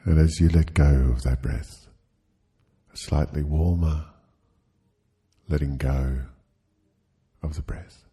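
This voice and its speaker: A man with a husky bass voice guides a sleep hypnosis, his intonation fairly even. He speaks softly and soothingly in short, halting phrases separated by long pauses.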